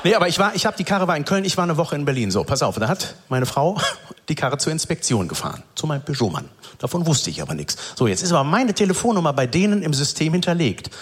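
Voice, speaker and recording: A man's voice: a little high, fast, husky. A man hosting a comedy show on stage, telling stories and acting out the people in them. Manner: animated storyteller, acts out quotes. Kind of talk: stand-up storytelling and hosting. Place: stage before a live audience.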